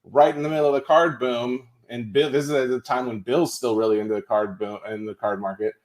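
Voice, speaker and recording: A relaxed man telling a story. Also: medium pitch, brisk. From Tennessee. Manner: relaxed storyteller, many fillers and asides. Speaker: podcast guest. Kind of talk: casual interview chat.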